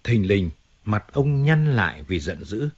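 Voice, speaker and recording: Male audiobook narrator, steady tone. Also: on the low side, a little slow, slightly rough, highs cut off. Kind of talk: scripted narration.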